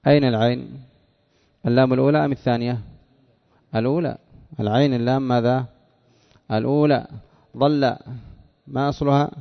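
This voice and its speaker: Gravelly male teacher, lo-fi lesson recording. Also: medium pitch. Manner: drills students with questions, repeats words slowly. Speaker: Arabic morphology teacher. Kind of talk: classroom lesson.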